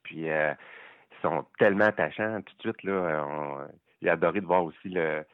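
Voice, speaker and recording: A Québécois man talks films in a relaxed podcast, eager but stumbling through fillers. His voice sits very low and comes through a thin, phone-like line. The sound is dry and close. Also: no room sound. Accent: Québécois French. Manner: enthusiastic, halting with many fillers. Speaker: film critic guest. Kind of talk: casual podcast chat.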